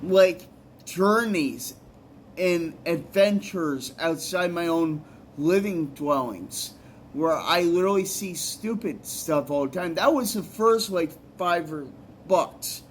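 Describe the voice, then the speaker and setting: A man's voice: on the high side, lively intonation, takes it slowly, a little hiss or hum. A man, a musician and poet, giving rambling, earnest advice in a casual vlog, often repeating himself.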